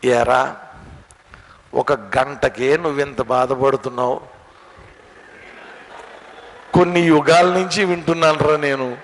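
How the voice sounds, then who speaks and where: A man voicing a weary god who scolds in a low, slow, grumbling voice, with long hall reverb. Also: a bit bright. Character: weary god, fed up with loud devotions.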